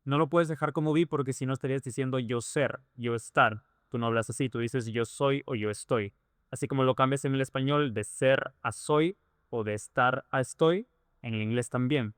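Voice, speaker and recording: Man, teacher, patient explanations, rhetorical questions, crisp voice, dry recording. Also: mid-range voice, moderate pace, dry recording. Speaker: English teacher. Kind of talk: explanatory lesson.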